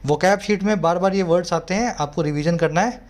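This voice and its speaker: A man with an Indian accent teaching English vocabulary, explaining each word slowly and reading example sentences in a measured way. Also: high-pitched. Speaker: English tutor. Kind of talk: vocabulary lesson.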